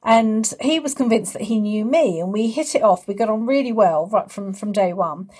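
This woman has a husky, darkish voice of medium pitch and speaks at a moderate pace. She hosts a casual interview, chatting and telling stories as a fellow stage performer.

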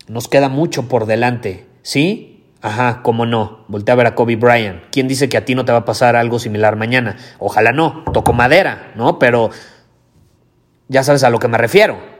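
A man hosting a podcast, delivering a motivational monologue at a mid-range pitch. He speaks emphatically, drives points home by repeating phrases and drops casual swear words. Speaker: podcast host.

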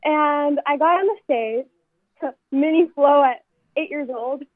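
A woman's voice: high voice, slow pace, no echo. A woman in her twenties, a singer calling in to a radio interview, chatting upbeat and telling stories. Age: 20s. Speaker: singer guest. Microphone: phone. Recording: tinny phone line.

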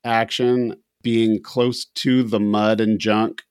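Halting low-voiced male host. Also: little pitch movement, a little mellow, smooth, dry recording, clean studio sound. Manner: halting, many ums and uhs. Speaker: podcast host. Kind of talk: casual podcast chat.

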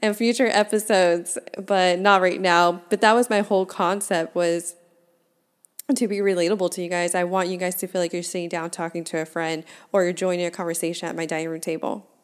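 A woman's voice: on the low side, little pitch movement, a little fast, clean tone. A woman in her twenties hosting her own podcast, talking candidly and chattily and laughing at herself. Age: 20s. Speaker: podcast host. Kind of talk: casual solo podcast talk.

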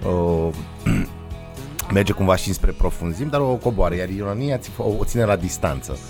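A man in casual chat, musing in a halting, philosophical way. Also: low voice, lively intonation, music in the background.

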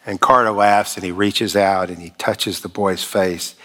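A man preaching a sermon as pastor, measured and emphatic with long pauses. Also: low voice, fairly even intonation, fairly bright tone.

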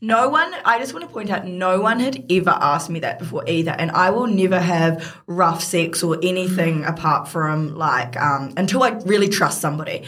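A young woman with a fairly low voice hosts a relaxed podcast. She teases her guest and laughs easily, and jumps in quickly to correct him. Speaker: podcast host. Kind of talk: casual chat.

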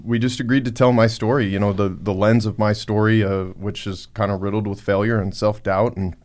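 A man with a somewhat low voice hosts a podcast. He talks earnestly, often stopping to restart a phrase, with plenty of "um" and "you know". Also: steady tone, fairly quick, a little mellow. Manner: earnest, many fillers and restarts. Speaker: podcast host. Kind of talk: casual podcast talk.

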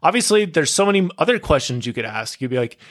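A man's voice: on the high side, big pitch swings, quick pace. A young man hosting his podcast alone, talking casually and going off on tangents, with lots of "like" and "dude.". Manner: rambling, goes off on tangents, full of "like" and "dude". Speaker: podcast host. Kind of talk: casual solo podcast monologue.

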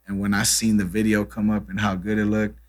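Speaking fairly quickly in a low, monotone voice, a Brazilian man in his thirties, native in Portuguese, chats as a guest musician in a casual interview. He's laid-back and keeps dropping "you know" and "man."

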